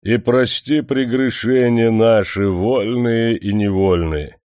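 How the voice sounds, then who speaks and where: A man's voice: mid-range voice, slow pace, a little mellow, clean tone, no room sound, studio quality, pitched above the performer's own voice, close to an everyday voice. A man reading an audiobook who voices a greedy, hypocritically pious factory manager, scolding and mocking the workers. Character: pompous sanctimonious male factory manager, greedy. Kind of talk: audiobook character voice.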